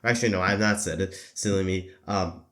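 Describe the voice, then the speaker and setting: A man with a stuffy voice from allergies hosting a casual solo podcast, rambling with lots of fillers, self-corrections and throat-clearing. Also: low voice, fairly even intonation, fast, fairly bright tone. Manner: clears his throat often. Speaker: podcast host.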